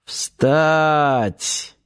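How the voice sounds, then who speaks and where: A man voicing a gruff first mate who barks short, blunt orders. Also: mid-range voice, drawn-out words, darkish tone. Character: gruff, hard-bitten male first mate.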